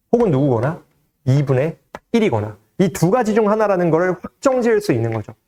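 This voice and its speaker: Male math tutor, slightly high voice that swings widely in pitch, chatty exam walkthrough full of questions to the class. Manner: lively, conversational teaching with frequent rhetorical questions. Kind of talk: exam solution lecture.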